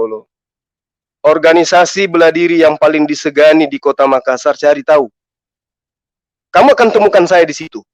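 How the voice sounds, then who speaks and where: A man's voice: high voice, no echo. A man from Toraja, a preacher, giving mocking, emphatic commentary on a live stream. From Toraja, Indonesia. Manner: mocking, emphatic, repeats the name in taunts.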